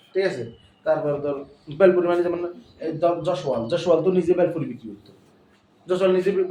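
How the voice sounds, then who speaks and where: A man's voice: fairly high pitch, dark tone, slight background noise. A man with a Bangladeshi Bengali accent teaching a class, going through a passage line by line and often checking that his students follow. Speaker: English teacher. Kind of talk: classroom lesson explaining a passage. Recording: echoey room, mic far off, faint ambience.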